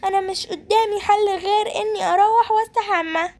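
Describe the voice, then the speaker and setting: A woman's voice: very high voice, fast talker, sharp tone. A woman with an Egyptian accent voicing a stubborn young male monkey who refuses to bathe, whiny and childlike. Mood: sad. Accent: Egyptian Arabic.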